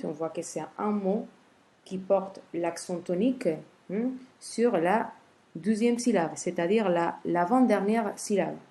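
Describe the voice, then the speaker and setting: A woman teaching a grammar lesson in French, speaking slowly and carefully, with many soft "hmm" pauses between steps. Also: mid-range voice. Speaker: Spanish teacher.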